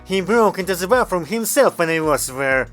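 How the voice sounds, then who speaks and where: A man's voice: high-pitched, expressive, normal speed, a bit bright, soft background music. A man voicing a proud, haughty woman officer who drawls her words. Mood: defensive.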